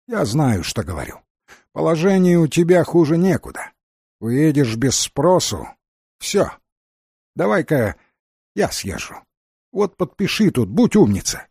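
Guy doing a bossy cigar-smoking villain lady, high pushy voice, bit husky. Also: sing-song, a little slow, long pauses, a little mellow, no room sound, studio quality, exaggerated voice. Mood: domineering. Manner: brusque, domineering, mock-coaxing.

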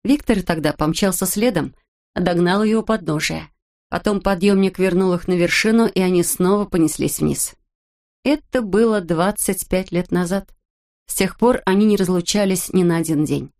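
A woman narrating an audiobook in a measured, even reading voice. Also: on the low side.

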